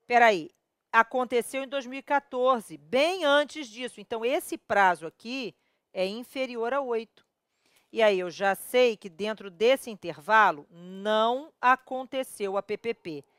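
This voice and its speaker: Brazilian woman, law lecturer, slightly high voice, dry close sound, emphatic and checks in often. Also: fairly bright tone, clear, resonant tone, no room sound. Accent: Brazilian Portuguese. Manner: emphatic, checks in constantly with the viewer; counts dates aloud, pauses to correct herself. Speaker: law teacher. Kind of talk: whiteboard lecture on criminal law.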